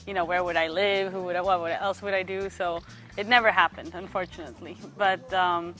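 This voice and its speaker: A young woman from Sweden, a youth worker giving reflective interview answers, pausing often to find her words. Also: lowish voice, fairly even intonation, a bit bright, soft background music. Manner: thoughtful, pauses often to search for words.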